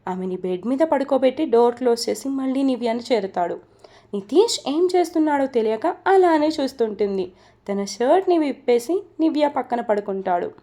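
Woman storyteller reading a love story, calm steady read, darkish soft tone. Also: high voice. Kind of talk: scripted narration of a romance story.

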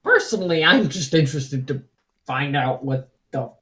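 A woman's voice: deep voice, lively intonation, normal speed, fairly bright tone. A young woman player chatting casually at a tabletop game, hesitant and musing, with lots of hmms.

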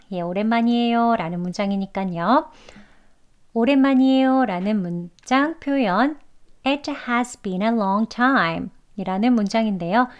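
A woman leads a pronunciation lesson in a slow, deliberate way, repeating each phrase for learners to follow. Her voice sits a little high. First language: Korean. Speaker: English pronunciation teacher.

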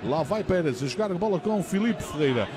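A middle-aged man commentates on football in a fast, dramatic style with a European Portuguese accent. His voice sits very high and he is excitable in his delivery. He speaks close to the mic, with some stadium noise around him. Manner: excitable, drawn-out shouted goal calls.

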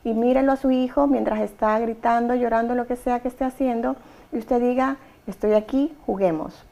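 A woman's voice: a little high, level tone, brisk, gravelly, mellow. A woman hosting an advice talk show, giving emphatic, direct instructions to mothers. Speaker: talk show host and therapist.

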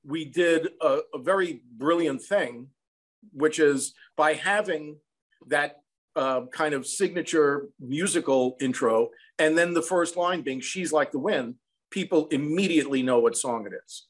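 Speaking from a small room in his home over a video call, this American man in his sixties is a songwriter and film composer being interviewed. He shares anecdotes reflectively and conversationally in a fairly high-pitched, unhurried voice.

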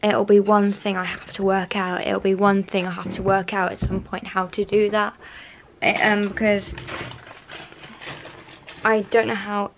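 A woman's voice: medium pitch, level tone, a little slow, creaky, long pauses, background noise. A young woman in her bedroom talking to a handheld camera in a casual vlog, rambling, repeating herself and sometimes sinking to a whisper. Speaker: vlogger. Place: bedroom at home, indoors. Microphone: handheld camera close to face.

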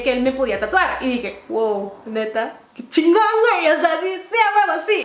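A young woman with a Mexican accent, telling a casual storytime vlog in a lively, slangy way, laughing and acting out quotes. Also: sits high, echoey room. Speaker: vlogger.

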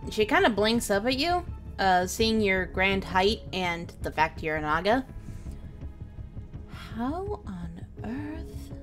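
A woman's voice: mid-range voice, lively intonation, a little slow, faint music behind. A woman casually narrating a tabletop game as its game master.

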